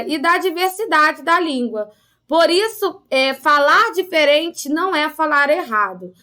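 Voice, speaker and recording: Bright high-pitched teacher from Rio. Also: female voice. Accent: Rio de Janeiro Portuguese. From Rio de Janeiro, Brazil. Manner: patient, explanatory, frequent tag questions. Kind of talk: recorded online class for children.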